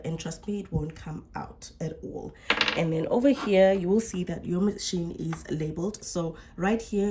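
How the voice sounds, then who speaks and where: This sewing channel host, a young woman from South Africa, speaks in a fairly low voice against a noisy background. Her tutorial is casual and talkative, full of self-corrections, and she seems slightly under the weather with an oncoming flu.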